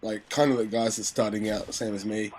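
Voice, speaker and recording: A young gaming commentator with a lowish, fairly even voice talks fairly quickly through casual game commentary. His nose is still stuffy and his voice sore after an illness, and he rambles with lots of fillers and restarts.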